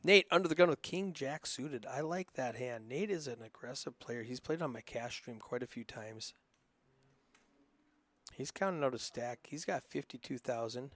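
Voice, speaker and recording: A man's voice: medium pitch, normal speed, a bit bright, no echo. A man with a northern Minnesota accent giving casual, rambling play-by-play commentary on a live poker stream, with plenty of ums and uhs. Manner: casual, chatty, rambling with frequent fillers.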